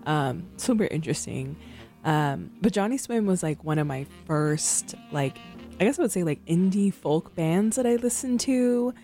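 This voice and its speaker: A woman's voice: fairly low pitch, animated, normal speed, warm tone, soft background music. A young woman from San Francisco hosting a radio show, talking casually and rambling between songs with many ums and likes.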